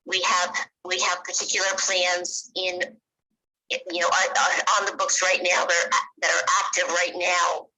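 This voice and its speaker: Give me a woman on a video call over a bad, relayed connection: bright, husky, speaking haltingly with many pauses as she asks for support in an online meeting. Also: lowish voice, monotone, poor audio. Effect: bad connection, relayed through another caller's phone and laptop. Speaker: volunteer committee chair.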